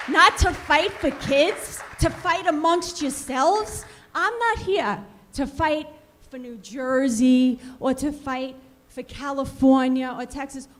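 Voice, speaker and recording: A woman in her forties, a parent giving impassioned public comment at a school board meeting, confrontational and scolding, firing off rhetorical questions into a podium microphone. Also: high-pitched.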